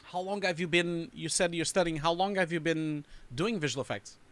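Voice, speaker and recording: A man's voice: fairly high pitch, normal speed, a bit bright, no echo. Chatty man hosting a live stream. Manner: chatty, rambling, laughs often. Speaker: host reviewing showreels. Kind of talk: casual livestream chat.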